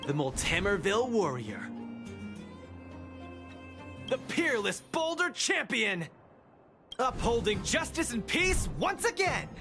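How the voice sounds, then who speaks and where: An actor playing an eager young male fighter in a game, talking in a showy, energetic way. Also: very high-pitched, slow, pauses often, exaggerated voice. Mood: upbeat. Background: game music.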